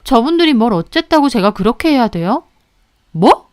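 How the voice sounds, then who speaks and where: A woman's voice: fairly high pitch, very animated, moderate pace, darkish tone, no echo, clean studio sound. A young adult woman telling a personal story in earnest storytelling narration. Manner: earnest, recounting events.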